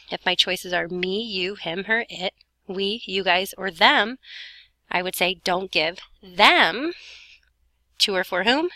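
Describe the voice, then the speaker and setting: A woman's voice: medium pitch, vocal fry, sharp tone, no room sound, poor audio. A woman teaching a grammar lesson step by step in an informal way, breathing heavily and short of breath as she talks. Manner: breathing heavily while talking; informal, talks students through each step, self-correcting. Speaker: Spanish teacher recording an explanation for students.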